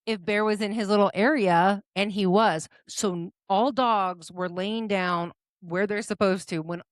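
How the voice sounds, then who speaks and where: A woman co-hosting a podcast in casual chat, animated and quick to exclaim. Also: medium pitch, no echo, studio quality. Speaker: podcast co-host.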